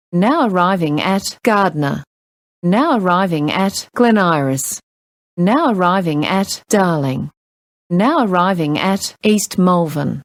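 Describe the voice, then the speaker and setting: A woman's voice: lowish voice, no room sound. Australian woman's spliced-together train announcements. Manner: clipped, even announcing. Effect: spliced-together recorded words. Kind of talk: recorded onboard announcements.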